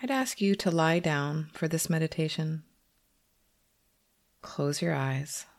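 Gentle and in no rush, a low-pitched woman leads a guided meditation as its teacher, leaving long pauses as she goes.

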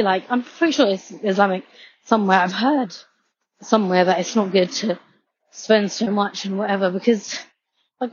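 Out of breath on her walk home from a station, this twenties vlogger rambles outdoors in a walk-and-talk clip, leaning heavily on "like." She has a medium-pitched voice, and the lo-fi audio carries a little hiss or hum.

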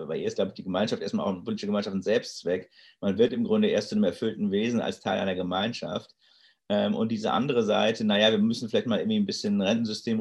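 A man giving thoughtful, halting interview answers with many restarts. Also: lowish voice, slightly rough. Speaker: interview guest, political thinker.

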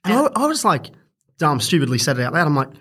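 A young man on a podcast, telling a story in a crude, casual way and swearing freely, getting animated as he goes. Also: fairly high pitch, quick pace, breathy edge. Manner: crude, swears a lot, animated when retelling stories. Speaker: podcast guest.

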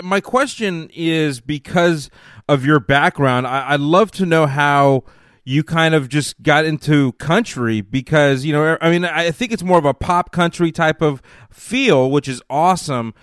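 A man's voice: fairly high pitch, very animated, slow, fairly bright tone, dry recording, clean studio sound. A man hosting a radio interview, talking in a rambling way full of fillers. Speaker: radio host.

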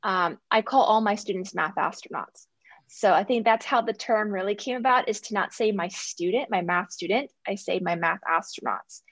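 A young adult woman speaks as an interview guest, enthusiastic and earnest about her coaching work. Her pitch sits in the middle range. The recording is dry and close, with no room sound. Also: moderate pace, fairly bright tone, no room sound. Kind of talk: casual interview talk.

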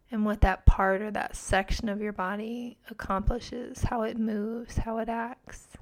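A woman leading a guided meditation in a soft, breathy near-whisper, speaking slowly and gently. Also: medium pitch. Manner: slow, gentle, hushed delivery. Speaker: podcast host and meditation guide.

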